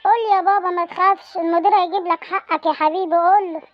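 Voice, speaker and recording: A woman's voice: extremely high pitch, steady tone, rapid-fire. A woman with an Egyptian accent playing an indignant mother in a comedy sketch, scolding and complaining. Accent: Egyptian Arabic. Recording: lo-fi sound.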